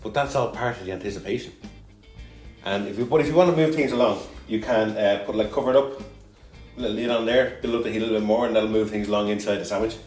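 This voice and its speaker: Man, low voice, joking, rambling, cooking host, roomy kitchen echo. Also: fairly even intonation, fast, darkish tone, soft background music. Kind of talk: casual cooking chat.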